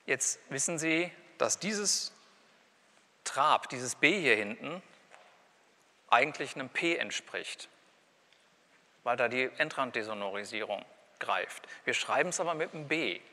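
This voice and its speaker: A man's voice: medium pitch, expressive, unhurried, pauses often, bright, forceful tone. A man giving a university linguistics lecture, talking in a conversational way with wry asides and saying example words aloud to show how they sound. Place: lecture hall. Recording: lecture hall with long reverb.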